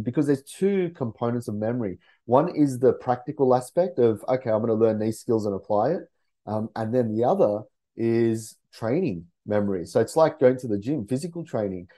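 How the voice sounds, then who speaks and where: A man's voice: mid-range voice, dark tone. A man speaking as a memory coach guest in a casual podcast chat, earnest and rambling with many fillers.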